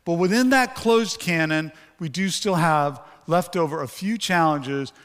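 In a reverberant church sanctuary, a man preaches at a measured pace in a fairly high, smooth, slightly bright voice that a stroke has left weaker. He speaks openly and trades jokes with the congregation.

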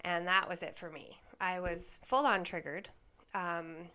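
A woman's voice: on the low side, steady tone, measured pace, sharp tone, clear, resonant tone. A woman vlogger telling a personal story in a candid, self-deprecating way, laughing at herself. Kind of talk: storytime monologue.

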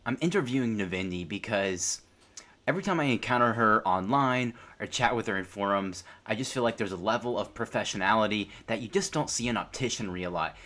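A man's voice: fairly low pitch, fairly quick, fairly bright tone. Casual man hosting an interview. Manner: sings a rap-style intro, then talks conversationally. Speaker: podcast host.

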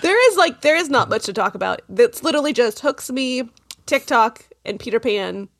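A woman with a fairly high voice that swings widely up and down as she talks. She co-hosts a chatty podcast and gushes with animated enthusiasm. The sound is dry and close. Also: normal speed, no room sound. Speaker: podcast co-host. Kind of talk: casual chat.

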